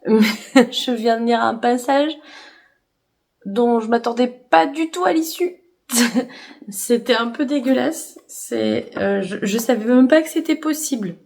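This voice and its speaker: A woman's voice: on the high side, unhurried, creaky, darkish tone. A young woman chatting casually in a book vlog, hesitant with many fillers. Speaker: book vlogger.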